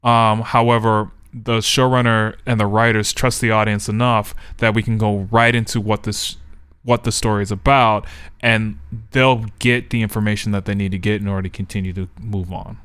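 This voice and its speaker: A man co-hosting a screenwriting podcast, thinking out loud with lots of restarts in casual chat. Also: fairly low pitch, flat delivery, normal speed, smooth, no echo. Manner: rambling, thinks aloud with many restarts. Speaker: podcast co-host. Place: podcast studio.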